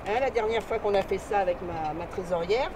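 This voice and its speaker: A woman's voice: medium pitch, fairly quick. An older woman chatting cheerfully while fishing on a riverside platform outdoors, as an angling club president. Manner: chatty, cheerful, laughs easily. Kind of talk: casual chat while fishing. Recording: outdoor riverside recording with steady noise.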